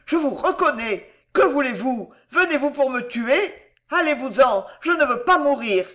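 A reader putting on a man gone mad, who swings between a child's curiosity and high, loud, frantic terror. The voice rises and swoops widely. He sounds like a storybook prisoner broken by fear. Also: very animated, very slow, heavily acted. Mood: terrified. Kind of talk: audiobook reading.

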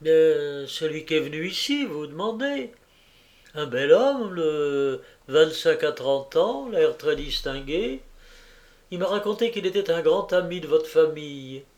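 A man's voice: a little high, expressive, unhurried, darkish tone, pitched above the performer's own voice. A man reading aloud and voicing an effusive, kindly older landlady who chatters breathlessly with constant exclamations. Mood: chattering. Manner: breathless, gushing, full of exclamations.

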